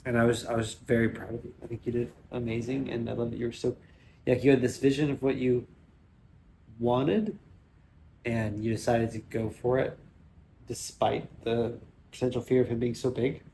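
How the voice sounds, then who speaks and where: A man's voice: medium pitch, steady tone, normal speed, warm tone, slight background noise. A man, the husband, answering his wife's questions in an earnest, hesitant way with frequent ums. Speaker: husband being interviewed. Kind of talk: casual conversation.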